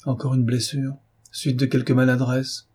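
A sharp-tongued middle-aged housekeeper scolding away in a storybook reading, as a male reader puts her on. Her voice sits raised and a little husky, and she needles with sarcasm at every turn. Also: medium pitch, completely flat delivery, moderate pace, pitched above the performer's own voice, lightly acted. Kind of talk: audiobook reading.

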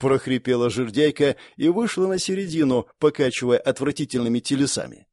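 A man narrating a fantasy audiobook in a steady storytelling manner. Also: medium pitch, brisk, no room sound, studio quality.

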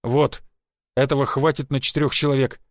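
A man's voice: medium pitch, little pitch movement, brisk, no room sound, clean studio sound, close to an everyday voice. A man voicing an angry, cursing male secret police chief who scolds his agent in an audiobook. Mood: stern. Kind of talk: audiobook character voice.

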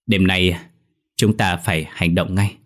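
A man voicing an older exorcist master who speaks in a measured, firm and grave way in a ghost story. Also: sits low, steady tone.

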